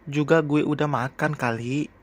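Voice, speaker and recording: A stubborn, sulky older sister , as a male narrator voices her, griping bluntly in a raised, louder voice. She is a hungry young woman in a storybook reading. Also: on the high side, steady tone, normal speed, close to an everyday voice. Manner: complaining, blunt.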